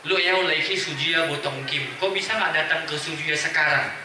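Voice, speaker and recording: A man voicing a soft-spoken older father who talks in a gentle, tender way. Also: fairly high pitch, fairly even intonation, a little fast, slight background noise, pitched below the performer's own voice. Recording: echoey hall from far off.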